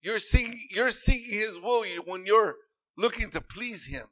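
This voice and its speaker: A man's voice: high voice, animated, measured pace, sharp tone, dry recording. A man preaching a sermon in an earnest, repetitive way that rises into emphatic bursts.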